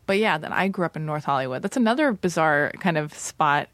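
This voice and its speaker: A woman from Los Angeles hosting a casual interview, animated and quick to interrupt and clarify. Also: low voice, no echo. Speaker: podcast host.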